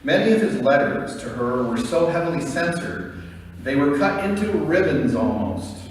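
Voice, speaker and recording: A middle-aged American man delivers a prepared eulogy as a son, in a solemn, measured storytelling manner. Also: a little high, animated. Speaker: son giving a eulogy for his father. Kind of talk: prepared memorial speech. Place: large reverberant room. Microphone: distant microphone. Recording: echoey hall, distant mic, faint noise.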